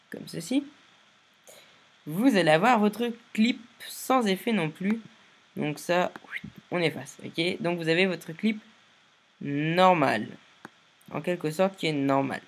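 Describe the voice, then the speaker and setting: A tired man casually narrating a software tutorial, giving step-by-step instructions with many fillers and restarts. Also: on the high side. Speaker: video editing tutorial maker.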